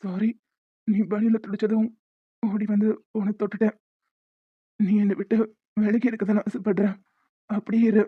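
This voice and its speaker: A young cartoon husband, hurt and quick to anger, as a voice actor plays him. He talks with raw, bitter force and sinks into soft remorse. The sound is dry and lo-fi. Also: very high-pitched, no room sound. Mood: remorseful. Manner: shouting, bitter, then softly pleading. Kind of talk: Tamil cartoon voice acting. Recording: dull lo-fi sound.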